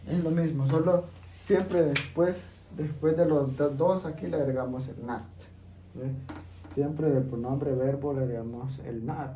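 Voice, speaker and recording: A man teaching an English class, explaining each step slowly and patiently and checking in with his students. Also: a little high, fairly even intonation, warm tone. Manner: patient, repeats steps, checks in with "¿ok?". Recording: echoey room, faint background noise.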